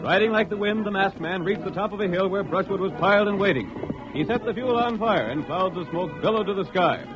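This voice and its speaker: An actor playing the dramatic narrator of a western adventure, in 1940s radio narration style. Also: male voice, sits high, lively intonation, a little fast. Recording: dull old radio recording under music.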